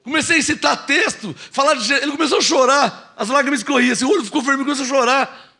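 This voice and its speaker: High, bright-voiced Brazilian preacher man. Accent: Brazilian Portuguese. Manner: swings from quick asides to slow, drawn-out shouted proclamations; mimics doubting listeners in a small mocking voice. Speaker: pastor. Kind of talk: sermon.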